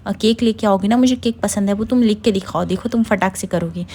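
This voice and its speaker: A patient young woman from a TV drama softly coaxes a girl into her lessons, read by a woman narrator. The words come quickly and gently, at a middling pitch. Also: natural voice. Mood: coaxing. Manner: coaxing, soft.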